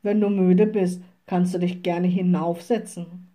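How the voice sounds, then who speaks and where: A woman voicing a short-tempered male forest ranger who snaps and blusters loudly. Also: lowish voice, steady tone, a little slow, pitched below the performer's own voice, close to an everyday voice. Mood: forced polite.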